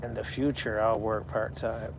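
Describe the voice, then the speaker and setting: Male, 40s, livestream host. Easygoing, flat delivery, light vehicle noise behind. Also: fairly low pitch, moderate pace, gravelly. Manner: laid-back, talks to chat viewers by name. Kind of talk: casual live chat.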